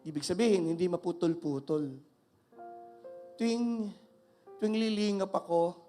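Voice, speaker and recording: Older man preaching with lively energy. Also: high-pitched, unhurried, soft background music. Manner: animated preaching, mixing Tagalog and English, call-and-response with congregation. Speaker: pastor. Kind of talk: sermon.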